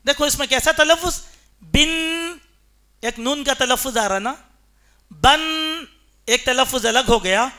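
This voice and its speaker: A man's voice: extremely high pitch, bright, forceful tone. A man giving a Friday sermon in a mosque, speaking emphatically and quizzing the congregation with rhetorical questions. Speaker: preacher.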